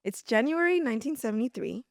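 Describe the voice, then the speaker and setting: Brief: young woman host, dramatic storytelling, slightly high voice, dry close sound. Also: animated, quick pace, vocal fry, dry recording. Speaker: podcast host. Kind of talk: casual chat and storytelling.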